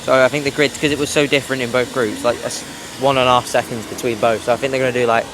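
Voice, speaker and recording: A teenage boy hosting a karting vlog, chatting casually and haltingly, with many fillers and restarts. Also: medium pitch, flat delivery, background noise. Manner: rambling, hesitant, lots of fillers and restarts. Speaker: kart racer and vlog host. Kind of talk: casual trackside vlog chat.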